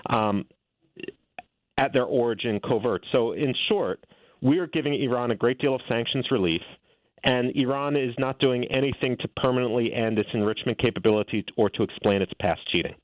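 A middle-aged man, interviewed as an author and policy analyst, makes his policy arguments fluently and assertively. His mid-range voice moves a little fast, with no room sound, over a tinny, phone-like line.

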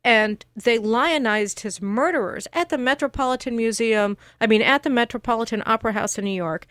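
A woman's voice: fairly high pitch, brisk, fairly bright tone, no echo, studio quality. A woman from the United States, a political analyst guest on a radio panel, arguing emphatically in long sentences.

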